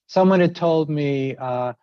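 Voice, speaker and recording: A middle-aged man from outside New York City gives an informal seminar talk with anecdotes, conversational and full of fillers and restarts. His voice is fairly high, clear, and resonant at a measured pace. The recording has no echo, sounding dry and slightly dull.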